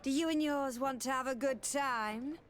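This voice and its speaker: A woman's voice: high-pitched, moderate pace, lightly acted. A woman playing a flirtatious, coaxing tavern courtesan in a video game, with a sultry manner. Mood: seductive. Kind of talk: video game character acting.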